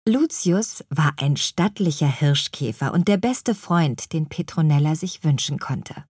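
A woman reads a children's story aloud, unhurried and with a lot of movement in her voice. Her tone stays gentle and clear. The sound is dry and close, with no room echo. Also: sits low, lively intonation.

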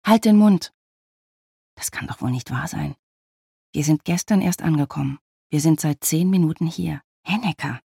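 Former painter, wife, brisk and defensive, gravelly husky tone, as a reader puts her on. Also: medium pitch, mellow, no room sound, studio quality. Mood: exasperated. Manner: brisk, exasperated retorts.

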